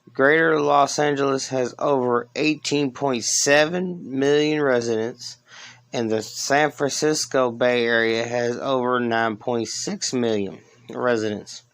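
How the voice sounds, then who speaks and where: A man reading scripted narration as a podcast host, with casual asides and halting stumbles that he corrects. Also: medium pitch, a bit bright. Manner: halting, stumbles over words and corrects himself.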